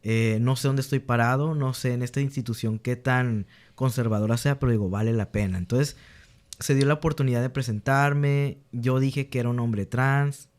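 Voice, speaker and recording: A young man speaks in a relaxed interview, his voice sitting in an ordinary middle pitch. He tells candid stories of his students, acting out their lines as he goes, often restarting sentences as he gathers his thoughts. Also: normal speed. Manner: earnest, reenacts dialogue with students, frequent restarts. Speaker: guest, teacher.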